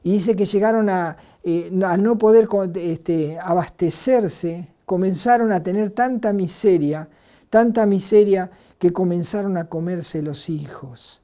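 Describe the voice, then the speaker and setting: An Argentine woman preaching a sermon in an earnest way, asking rhetorical questions and pausing on filler words. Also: lowish voice, mellow. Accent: Argentine Spanish.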